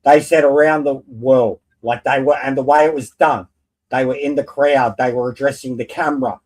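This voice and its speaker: A man's voice: medium pitch, steady tone, normal speed, darkish tone. A man as a guest in a casual sports and wrestling chat, talking in a blunt, slangy, sweary way.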